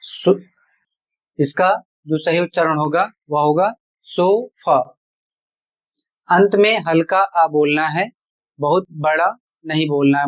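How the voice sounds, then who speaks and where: Unhurried classroom voice at a mid pitch; a teacher who spells out each rule and repeats every example. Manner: deliberate, repeats rules and examples step by step. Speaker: English pronunciation teacher. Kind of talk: slow explanatory online lesson.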